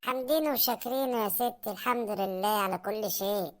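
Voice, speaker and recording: A woman's voice: medium pitch, a little fast, close to an everyday voice. A woman voicing a hard-up, hungry husband in a cartoon, with an Egyptian accent and a whining, complaining manner. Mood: grumbling. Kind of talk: cartoon comedy voice acting.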